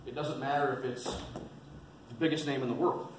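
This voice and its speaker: In a museum seminar room, a man who hunts waterfowl teaches a group in a folksy, plain way, going over his points again for emphasis. He speaks steadily at normal speed in a mid-range voice, picked up by a distant mic with room echo and faint noise.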